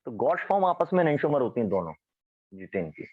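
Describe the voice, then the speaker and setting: A man teaching chemistry in a classroom lecture, lively, often asking students questions. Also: medium pitch, fast talker, phone-quality sound.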